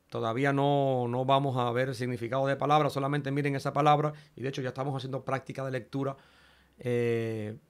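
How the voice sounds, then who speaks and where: A man teaching a Greek class in Spanish, explaining rules patiently and sounding out words syllable by syllable. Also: medium pitch. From Cuba. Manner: slow, patient, spells out syllables one by one. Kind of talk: classroom lecture.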